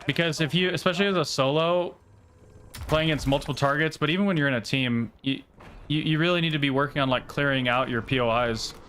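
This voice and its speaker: A man's voice: a little high, fast talker, a bit bright, a little hiss or hum. A man streaming a battle royale game live, giving casual commentary in gamer slang, often swearing when frustrated.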